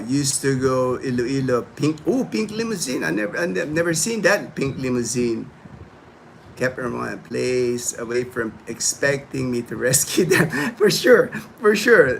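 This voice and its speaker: A man's voice: mid-range voice, creaky, fairly bright tone, slight background noise. A man from Manila hosting a casual livestream. He rambles, pads his talk with fillers and restarts, and breaks off to answer viewers' comments. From Philippines (Manila). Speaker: livestream host.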